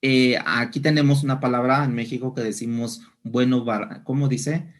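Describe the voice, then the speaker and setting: A man's voice: medium pitch, fairly even intonation, normal speed. A man preaching a sermon, explaining scripture and asking the congregation questions. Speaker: pastor.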